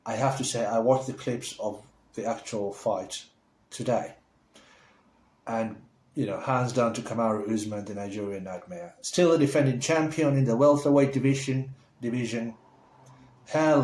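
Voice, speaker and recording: A man of middle pitch, born in Somalia, chatting straight to camera in a loose, rambling way full of fillers and restarts. He sounds keen and upbeat when he heaps praise on someone. His voice rings around a roomy, echoey space. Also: moderate pace, darkish tone. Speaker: vlogger. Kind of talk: casual chat to camera. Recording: roomy echo.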